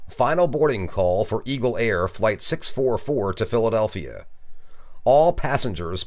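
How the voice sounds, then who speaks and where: A man plays a male airport announcer making boarding calls. His voice sits fairly low and moves in lively rises and falls. The airport announcement is formal and measured.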